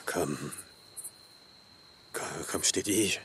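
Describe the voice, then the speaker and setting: An actor playing a gruff, brooding male biker drifter in a video game, with a gravelly, terse delivery. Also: sits low, slow, fairly bright tone, a little hiss or hum. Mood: subdued, tender.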